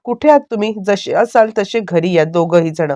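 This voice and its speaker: A woman voicing a firm middle-aged mother who calms her daughter and gives orders. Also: fairly low pitch, moderate pace, lightly acted. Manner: firm, soothing.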